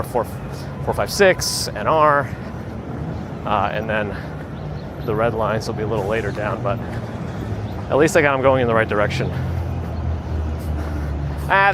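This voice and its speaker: A man live streaming on a walk outdoors, chatting casually with viewers in an unpolished, conversational way. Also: mid-range voice. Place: outdoors, walking on city streets and a bridge. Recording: loud outdoor city traffic noise. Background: traffic, vehicles, urban ambience.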